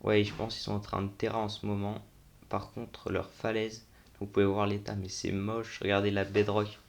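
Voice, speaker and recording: A young man with a very flat, monotone delivery and plenty of vocal fry. He talks through a game tour off the cuff, in slangy everyday speech, thinking aloud as he goes. His voice sits on the low side. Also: normal speed, slight background noise. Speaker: gaming video host. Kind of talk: casual unscripted game tour commentary.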